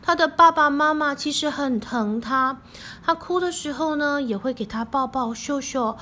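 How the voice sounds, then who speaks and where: A woman reading a picture book aloud to a child, playful and animated, asking the child questions. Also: high-pitched, normal speed.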